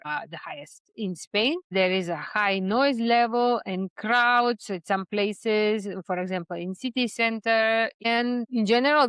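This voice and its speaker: A woman's voice: medium pitch, fairly bright tone, clean tone, no echo. Woman vlogger from Serbia, dry sound. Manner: unhurried, with frequent fillers and restarts. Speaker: expat life vlogger. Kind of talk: casual explainer talk to camera.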